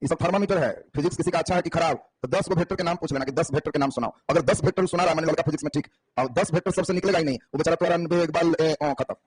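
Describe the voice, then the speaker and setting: A man's voice: a little high, racing, few pauses, breathy edge, no echo, poor audio. A man teaching a physics class on a handheld mic, drilling students with repeated questions. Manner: quizzing, drilling students by repetition. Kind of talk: classroom lecture.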